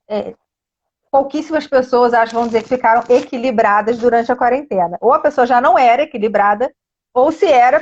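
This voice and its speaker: A woman's voice: a little high, a little mellow, muffled recording. A woman with a Brazilian Portuguese accent speaking earnestly as a child education coach in a casual live stream, addressing viewers directly.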